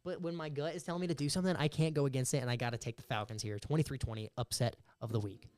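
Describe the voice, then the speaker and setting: A man's voice: mid-range voice, steady tone, rapid-fire, darkish tone. A young man co-hosting a casual sports podcast, making confident game picks on gut feeling. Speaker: podcast co-host.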